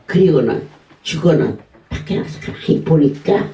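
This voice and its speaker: A man's voice: on the high side, lively intonation, normal speed, mellow. A male pastor, telling folksy stories in a sermon and mimicking voices. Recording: echoey room, voice from far off.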